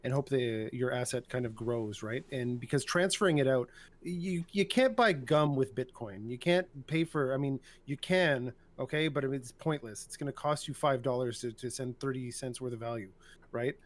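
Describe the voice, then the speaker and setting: A man's voice: mid-range voice, normal speed. A man joining a group discussion over a video call, talking hesitantly with many restarts and questioning tags. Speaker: discussion participant.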